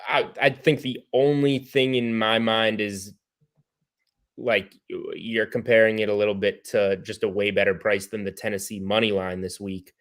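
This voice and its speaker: A man's voice: on the low side, a bit bright. An American man giving sports betting analysis as a guest in casual chat, thinking aloud as he goes.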